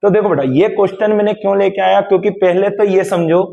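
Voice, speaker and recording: A man teaching physics to exam students in a lecture, mixing Hindi and English and calling the students beta. He reads the question text out slowly and deliberately. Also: high-pitched, fairly even intonation, vocal fry, mellow, dull audio. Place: classroom studio at a smart board. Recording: echoey room.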